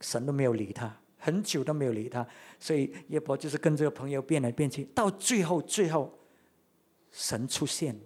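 A preacher giving a sermon, retelling a story with many rhetorical questions and swings between loud and quiet. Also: mid-range voice, moderate pace, husky.

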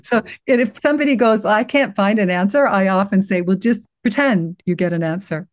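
An older woman gently guiding a listener through an inner awareness exercise, reassuring and unhurried, with frequent restarts. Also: medium pitch. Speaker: guest teacher guiding a practice. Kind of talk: guided meditation walkthrough in conversation.

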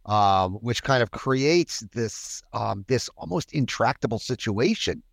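A man's voice: mid-range voice, animated, measured pace, creaky, no echo, studio quality. A man hosting a policy discussion, talking conversationally with wry asides.

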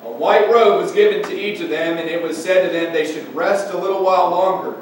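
Male pastor, high-pitched, preaching with passion; recorded from afar in a very reverberant church room. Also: fairly even intonation, fairly quick, recorded from a distance, slight background noise. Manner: impassioned preaching, swinging between loud emphatic pushes and quiet low asides. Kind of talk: sermon. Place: church sanctuary. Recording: echoey church room from off-mic, faint ambience.

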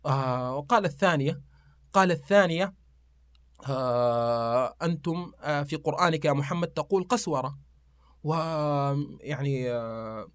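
A man's voice: a little high, moderate pace, long pauses, dry recording, clean studio sound. A man, telling old anecdotes and reciting verse in a casual podcast chat. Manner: animated storyteller reciting poetry, fillers.

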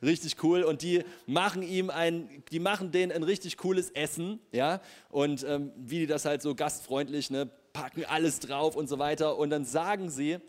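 A man's voice: on the high side, normal speed. A man preaching a casual, humorous sermon in church, often laughing as he tells the story.

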